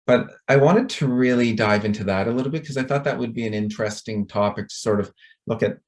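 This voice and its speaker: A man's voice: medium pitch, fast talker. A middle-aged man giving a chatty, rambling talk to a conference over a video call, with a self-deprecating manner. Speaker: conference speaker.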